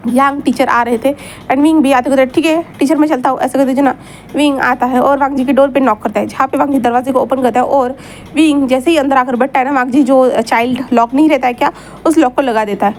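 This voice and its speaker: A woman's voice: high-pitched, fairly even intonation, brisk, a little hiss or hum. A woman narrating a fan story aloud in a chatty way, with repeats and asides to her listeners.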